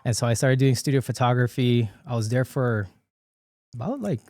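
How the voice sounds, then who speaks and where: A man's voice: medium pitch, moderate pace, darkish tone, no echo, clean studio sound. Chatty man in his late thirties. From Philippines, raised in Hawaii. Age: late 30s. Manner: loose and chatty, full of "you know" fillers and restarts, laughs often. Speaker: guest. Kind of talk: casual conversational interview.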